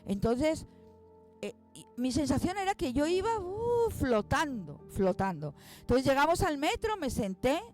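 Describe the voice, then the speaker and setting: A woman's voice: sits high, sing-song, unhurried, a little mellow, faint music behind. Emotional woman telling her testimony. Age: 40s. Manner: emotional storytelling, acts out quoted dialogue. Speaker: guest. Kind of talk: personal testimony.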